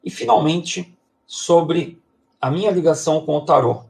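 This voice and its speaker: Gravelly-voiced man in his forties. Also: fairly high pitch, measured pace, a little mellow. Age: 40s. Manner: chatty, personal, digressive storytelling. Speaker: tarot and astrology teacher. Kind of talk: introductory lesson, live stream talk.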